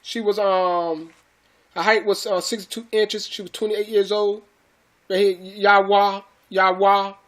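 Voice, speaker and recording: A man with a high, bright, forceful voice preaches scripture to his followers. He keeps repeating phrases for emphasis and calls his listeners brothers and sisters. The delivery is emphatic and insistent. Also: flat delivery, unhurried. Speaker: religious teacher.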